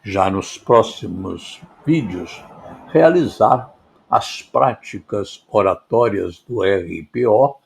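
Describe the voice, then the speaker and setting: Slow, gravelly-voiced male speaking instructor. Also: on the low side, animated. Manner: measured, deliberate delivery with stressed words. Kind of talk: scripted lesson narration.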